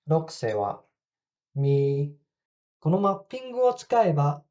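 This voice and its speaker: A calm, scripted lesson narration by a pronunciation teacher, who explains step by step and sings solfege syllables to show pitches.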